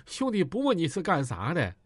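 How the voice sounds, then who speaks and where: Guy putting on a groveling thug boss, higher voice, begging and stuttering, twang. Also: huge pitch swings, a little fast, breathy edge, no echo, exaggerated voice. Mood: wheedling. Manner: pleading, stammering, wheedling. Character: fawning cowardly male gang boss, middle-aged.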